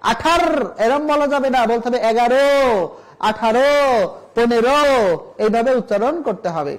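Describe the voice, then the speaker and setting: A man's voice: very high voice, low-quality recording. A man, a college Bengali lecturer, teaching pronunciation rules to students, repeating example words and asking rhetorical questions. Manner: addresses students directly, asks rhetorical questions. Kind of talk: recorded classroom lesson on pronunciation.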